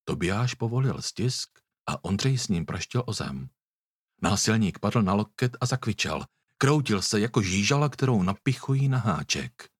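Husky-voiced male storybook narrator. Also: lowish voice, animated, dry recording, clean studio sound. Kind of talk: audiobook reading.

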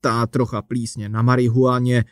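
A man's voice: mid-range voice, level tone, clean tone, dry recording, clean studio sound, lightly acted. A man doing a hesitant musing old man.

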